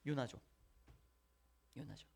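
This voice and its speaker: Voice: slow pace, darkish tone. A pastor preaching a Sunday sermon in a church, acting out little dialogues and dropping at times to near whispers. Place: church sanctuary.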